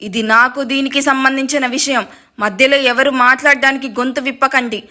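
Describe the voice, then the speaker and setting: A man's voice: extremely high pitch, steady tone, normal speed, bright, forceful tone, exaggerated voice. A woman voicing a furious, domineering young husband who roars threats. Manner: roaring, threatening.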